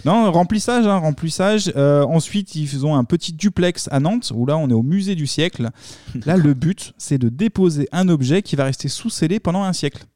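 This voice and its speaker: Dry joking male host, mellow voice. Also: fairly high pitch, lively intonation, normal speed, dry recording. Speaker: podcast host. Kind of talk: casual chat.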